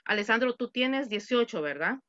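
A woman's voice: on the high side, lively intonation, normal speed, a bit bright, dull audio, slight background noise. A woman teaching an online English class in Spanish, patiently repeating words and examples for her students. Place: home. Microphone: computer mic on a video call.

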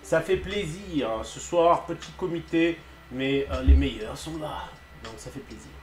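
A man with a French accent, hosting a live painting stream in a relaxed, chatty way and often pausing with hesitant fillers. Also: a little high, roomy sound.

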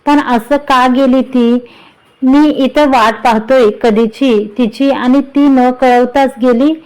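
A woman's voice: high-pitched, steady tone, slow pace, darkish tone, smooth, low-quality recording. A woman reading the part of an impatient, lovesick young husband, grumbling and irritated, in a storybook-style narration.

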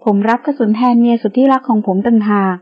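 A woman's voice: fairly high pitch, steady tone, fast, muffled recording, close to an everyday voice. A woman reading an audio novel, voicing a wounded young sheikh who speaks to his wife in an intense, loving, earnest way. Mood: devoted. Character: young sheikh hero, wounded, devoted, teasing.

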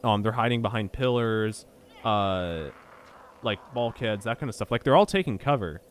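With a lowish, expressive voice at a moderate pace, a young gameplay streamer chats casually as he plays, amid slight background noise. He rambles, stumbles over words, and lets out swears when something bugs him.

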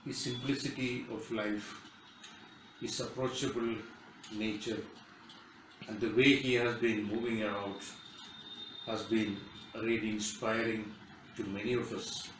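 A man's voice: lowish voice, little pitch movement, unhurried, pauses often. An older man with an Indian accent giving a formal spoken tribute as a bishop. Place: indoor room, seated. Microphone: phone camera across the room. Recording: very echoey, distant mic, faint noise.

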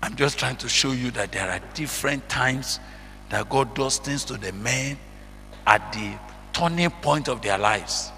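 A man delivers a sermon at an unhurried, deliberate pace, his voice bright and forceful. He reads scripture in old-fashioned wording and throws questions out to the congregation. The sound rings with a long hall reverb over a faint hum. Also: medium pitch. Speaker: preacher.

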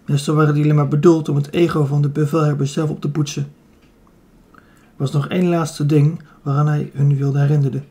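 A man reading a children's adventure audiobook aloud. His voice sits fairly high but stays flat and even, with a mellow, somewhat husky timbre. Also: a little fast. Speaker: audiobook reader. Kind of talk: scripted narration of a children's novel.

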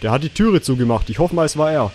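A man's voice: a little high, animated, fast, darkish tone, a little hiss or hum. A young man doing casual horror game commentary, swearing a lot and shrieking at the scares. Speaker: let's play gamer. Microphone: facecam setup, desk mic.

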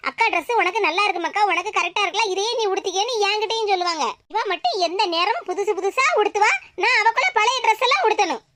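A woman's voice: very high-pitched, animated, fast talker, a bit bright, dry recording. A woman voicing a whiny, bickering teenage younger daughter with a Tirunelveli accent in a cartoon. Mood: whining complaint. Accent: Tirunelveli Tamil. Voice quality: complaining, whining. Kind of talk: animated cartoon voice acting.

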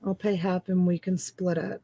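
A middle-aged woman hosting a live online auction from a room at home, counting items and calling bids slowly on a webcam. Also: on the low side, flat delivery, dark tone.

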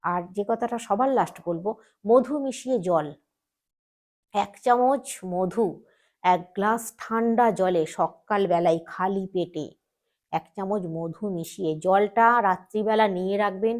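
A woman hosting a devotional channel, giving spiritual advice in a patient, instructive way and repeating each step slowly. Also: mid-range voice. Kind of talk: casual spiritual advice talk.

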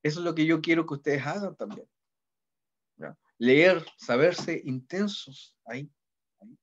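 A middle-aged Chilean man teaches a literature class in an easy conversational manner. His voice sits somewhat high, and he keeps pausing to ask the students whether they follow. The recording sounds dull and lo-fi. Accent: Chilean Spanish. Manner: conversational, repeats ¿ya? to check in with students. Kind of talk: classroom lecture.

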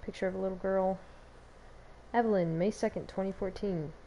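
A woman's voice: medium pitch, steady tone, normal speed, warm tone, a little hiss or hum. A young woman giving casual gameplay commentary as a streamer, chatty and giggly, talking to herself. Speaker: game streamer.

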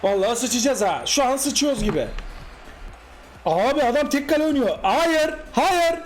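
A man with a Turkish accent giving excited, animated commentary while playing a football video game, repeating short cries at the screen. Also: extremely high pitch, moderate pace, faint music behind. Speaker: gaming YouTuber. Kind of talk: excited live gameplay commentary.

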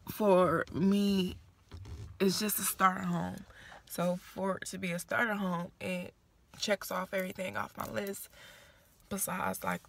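A woman's voice: lowish voice, vocal fry. A young woman chatting casually to viewers from inside a house, rambling and often sinking into a half-whisper as her voice fades. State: voice fading low. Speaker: vlogger.

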